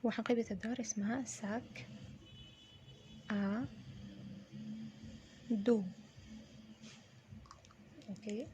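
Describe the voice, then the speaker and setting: A woman with an Egyptian Arabic accent teaching French pronunciation, saying words slowly, repeating them and often dropping to a whisper. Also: on the high side, fairly even intonation, mellow, a little hiss or hum. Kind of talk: pronunciation lesson.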